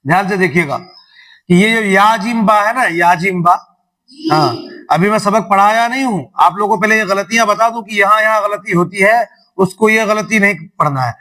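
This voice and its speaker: A man's voice: high voice, pushed and bright, rough recording. A male teacher giving a reading lesson to children, asking questions back and drawing out each syllable when he models it. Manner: repetitive call-and-response drilling. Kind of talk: classroom lesson.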